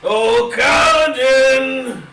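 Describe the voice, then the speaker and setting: A man voicing a creepy, boisterous male dragon rider whose loud voice is magically amplified, gloating slowly at a tabletop game. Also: roomy sound, distant mic, over loud music, exaggerated voice, poor audio. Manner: loud, slow, gloating, theatrical. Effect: magically amplified booming voice. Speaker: game master.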